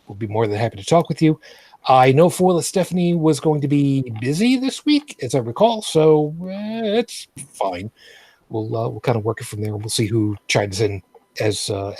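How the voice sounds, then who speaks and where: A male main host with a slightly husky voice, recorded close and dry over an online setup. He rambles casually, restarting phrases and dropping dry sarcasm. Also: mid-range voice, darkish tone, dry recording. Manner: rambling, filler-heavy, repeats and restarts phrases. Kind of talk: casual live vlogcast chat.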